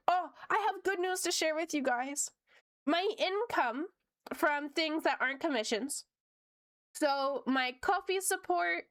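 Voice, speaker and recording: A woman in her late 20s from Ontario, Canada, chats casually on her stream while drawing, as a streamer and VTuber in her home room. She sounds upbeat, laughs often, and uses lots of fillers. Her voice sits on the high side, clear and resonant, with studio-quality sound and no room echo.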